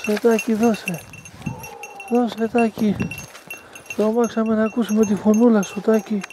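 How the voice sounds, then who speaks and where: A man's voice: sits high, flat delivery, mellow. A man training a hunting dog, calling and coaxing it with short repeated encouragements while commenting on what it does. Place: outdoor field. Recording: noisy outdoor recording.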